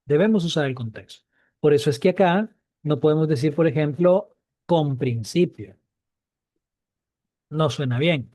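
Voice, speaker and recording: A man's voice: a little high, dark tone, dry recording. A man teaching Biblical Hebrew, repeating key points and asking his students questions. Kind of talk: online class lesson.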